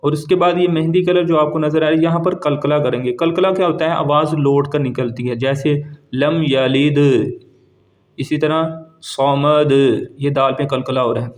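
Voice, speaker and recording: A man teaches a step-by-step tajweed lesson in a voice a little higher than most men's. He explains each rule plainly, then recites the words slowly and stretches them out, repeating them so a learner can follow. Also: steady tone.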